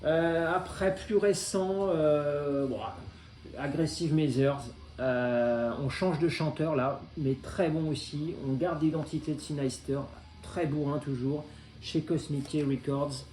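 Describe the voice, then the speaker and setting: A man's voice: fairly high pitch, fairly even intonation, slow pace, darkish tone, soft background music. A man in his forties casually presenting his vinyl records, hesitant and full of filler sounds but enthusiastic. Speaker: record collector. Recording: roomy echo.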